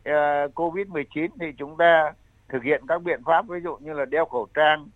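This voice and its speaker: An older man explains public health advice as an expert guest, in halting, repetitive phrasing. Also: on the high side, steady tone, dry recording. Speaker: medical expert guest, senior health adviser. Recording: thin phone-like line.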